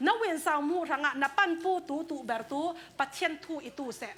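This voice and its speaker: Bright high-voiced woman preaching. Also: animated, brisk. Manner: conversational preaching, mixes in English words. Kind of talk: sermon.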